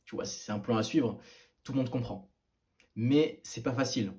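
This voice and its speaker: A man's voice: medium pitch, normal speed, a little mellow. A man giving casual fitness advice straight to the viewer, talking informally and bluntly with frequent hesitations and restarts. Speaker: fitness video maker.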